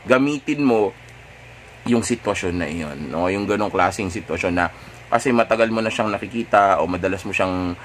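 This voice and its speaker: A man with a Filipino accent, a dating coach, talking through tips in a casual, conversational way, often checking in with "okay?" and pausing on fillers. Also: deep voice, lively intonation, slight background noise. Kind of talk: casual instructional talk.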